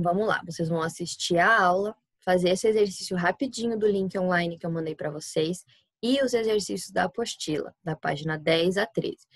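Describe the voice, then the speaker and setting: A woman's voice: fairly low pitch, no room sound. A woman with a Brazilian Portuguese accent, a Spanish teacher giving a recorded online class, patiently explaining step by step and often checking in with her students.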